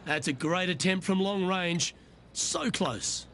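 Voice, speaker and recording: A man playing a composed, encouraging golf commentator in a video game, calling play in measured, clipped phrases. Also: high-pitched. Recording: outdoor crowd and ambient noise behind.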